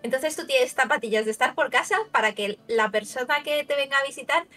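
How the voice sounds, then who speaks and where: A woman's voice: high-pitched, a little fast, pushed and bright. A young woman from Russia, a native Russian speaker, chatting casually as a guest and often tagging her sentences with "you know?". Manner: chatty, lots of fillers like sabes. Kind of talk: casual chat. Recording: roomy with faint music behind.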